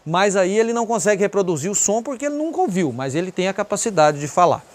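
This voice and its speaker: An English teacher with a Brazilian Portuguese accent giving a pronunciation lesson, repeating example words slowly and pointing to written examples. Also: medium pitch, expressive.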